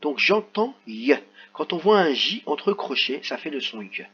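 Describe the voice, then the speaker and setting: A man teaching a reading lesson to young children, sounding out letters and stretching words slowly. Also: on the high side, sing-song, slightly rough. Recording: slightly dull lo-fi sound.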